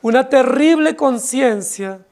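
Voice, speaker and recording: A pastor from Colombia preaching an impassioned, pleading expository sermon to his congregation, often dropping his voice low on key words. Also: lively intonation, slow, darkish tone. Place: church congregation.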